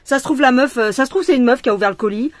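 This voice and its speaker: A woman's voice: high voice, very fast, dry recording. Exasperated woman venting, dry close sound. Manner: venting and swearing, frustrated; rambling with many restarts and fillers. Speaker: embroidery vlogger. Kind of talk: casual vlog while stitching.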